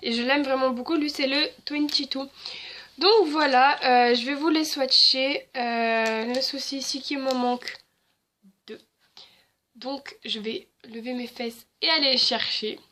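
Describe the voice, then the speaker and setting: Young woman, beauty vlogger, high voice, chatty, fillers and restarts. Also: steady tone, unhurried, bright, forceful tone, slight background noise. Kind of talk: casual haul and swatch video.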